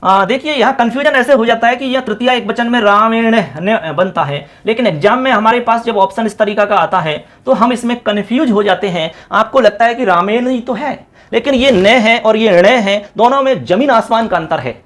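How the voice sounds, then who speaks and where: A male teacher giving an exam-prep grammar lesson, chanting word forms in quick runs and talking to viewers as friends. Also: high voice, a bit bright. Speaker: Sanskrit teacher.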